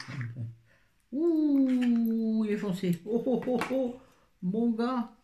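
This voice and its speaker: A woman's voice: low voice, dark tone. A woman beauty vlogger chatting casually through a product haul, with wry asides and frequent fillers. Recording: echoey room.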